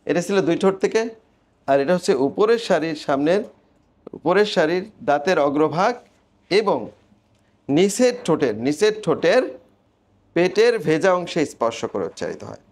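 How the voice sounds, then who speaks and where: A man with a Bangladeshi accent teaches English pronunciation in a classroom phonetics lesson, drilling sounds aloud and asking the class to repeat them. His voice is slightly high and animated, at a moderate pace with long pauses.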